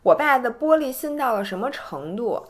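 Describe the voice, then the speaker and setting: A woman's voice: a little high, big pitch swings, normal speed. A young woman co-hosting a casual podcast, telling family stories with a wry, teasing manner. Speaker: podcast co-host. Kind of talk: casual chat.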